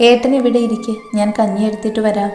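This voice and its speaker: A woman voicing a gentle, affectionate young wife who speaks softly and pleadingly. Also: mid-range voice, level tone, fairly quick, lightly acted. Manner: soft, pleading. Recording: roomy echo, faint music.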